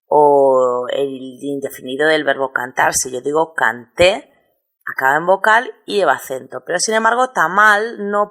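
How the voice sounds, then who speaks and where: A woman's voice: low voice, fairly bright tone. A woman, teaching a recorded lesson and explaining step by step. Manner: patient, explains step by step and spells out syllables slowly. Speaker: Spanish teacher. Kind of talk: recorded lesson on spelling rules.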